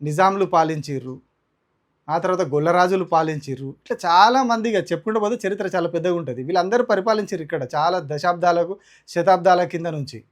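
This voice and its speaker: A man with a Telangana Telugu accent and a high-pitched voice delivers a combative opinion rant. He argues indignantly, piling up rhetorical questions as a political commentator. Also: fast. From Telangana, India.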